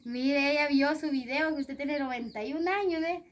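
A woman's voice: high voice, normal speed. A young woman with a Guatemalan accent hosting a charity vlog, chatting simply with an elder outdoors. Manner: uses diminutives, talks simply to the elder. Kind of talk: casual chat with an interviewee. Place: outdoors on a house porch. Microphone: phone camera a short distance away.

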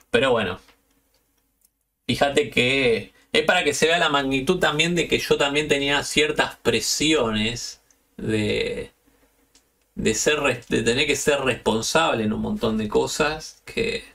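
An Argentine man hosts a podcast and tells stories in a relaxed, slangy way, swearing often. His voice has a gravelly rasp and middle pitch. He sits a little away from the microphone. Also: far from the mic. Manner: loose, slangy and profane, animated retelling. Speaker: podcast host. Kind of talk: casual storytelling chat.

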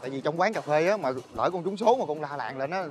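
A young actor with a Southern Vietnamese accent, playing a smooth-talking swindler who coaxes and chuckles his way into a deal. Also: on the high side, animated, fast, a little mellow, close to an everyday voice. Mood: excited. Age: young adult. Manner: persuasive, coaxing, chuckling often. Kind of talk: TV drama acting.

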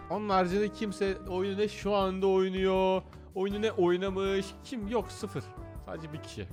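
Male let's-play host, excitable and joking, lively voice over game music. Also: high-pitched. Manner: excitable, jokey, shouts at the game. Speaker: gaming YouTuber.

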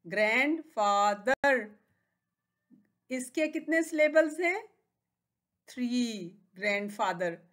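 A woman with a Pakistani accent gives a recorded school lesson to young children. Her voice is high, and she speaks slowly, stretching each word out and praising the children gently. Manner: gently encouraging. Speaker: teacher.

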